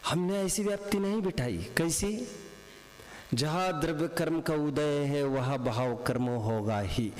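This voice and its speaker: A man teaching a class of students, quizzing them and repeating his questions, mixing in English words. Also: on the high side. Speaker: religious teacher. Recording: echoey hall with long reverb.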